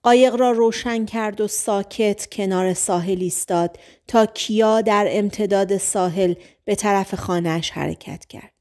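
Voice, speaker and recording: An audiobook narrator, a woman with a medium-pitched voice, reads a novel in scripted narration. Her reading voice is calm and measured.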